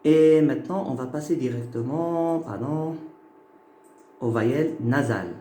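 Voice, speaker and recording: A man's voice: medium pitch, mellow, a little hiss or hum. A man teaching a phonetics lesson, explaining patiently and checking that listeners follow. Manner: slow, patient, checks in with "ok?" and "d'accord?". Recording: echoey room.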